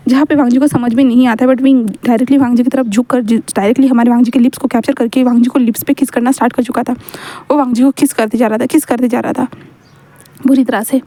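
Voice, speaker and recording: A woman's voice: a little high, dark tone, dry recording. A woman narrating a fan fiction story in a chatty, casual way, voicing the characters' lines in her own voice. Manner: chatty, mixes English words into Hindi, acts out lines plainly.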